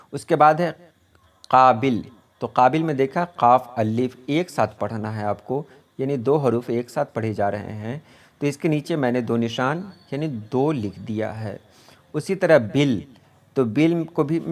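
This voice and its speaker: A man from India, an Urdu teacher, patiently explaining poetic meter and slowly repeating words to drill pronunciation. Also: medium pitch. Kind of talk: poetry meter lesson.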